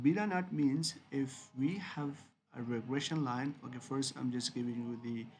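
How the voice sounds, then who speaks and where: A man's voice: medium pitch, a little hiss or hum. A man lecturing business students on regression, often repeating "dear students" and "okay?" and stressing key terms as he explains. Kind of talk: recorded lecture with screen demo.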